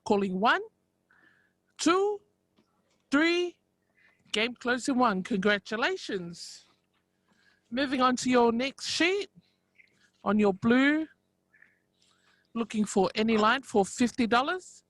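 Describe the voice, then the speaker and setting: Higher-voiced woman hosting bingo. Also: expressive, slow pace, pauses often, fairly bright tone, no room sound. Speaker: bingo game host who checks claims. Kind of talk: live game hosting with set announcements.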